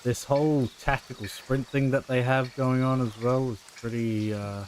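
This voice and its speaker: A young man chats loosely over his own gameplay, complaining about mechanics and cursing as he goes. His voice sits at an ordinary mid pitch, with a faint hum of outdoor ambience behind him. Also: flat delivery, moderate pace, a little mellow. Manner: griping, swears freely. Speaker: gaming streamer. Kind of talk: casual gameplay commentary.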